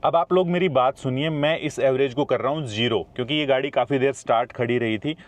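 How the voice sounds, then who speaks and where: Speaking a little fast at medium pitch, a man gives a casual review of a new car, addressing viewers directly like friends. Part of it is filmed from behind the wheel, and heavy background noise fills the audio.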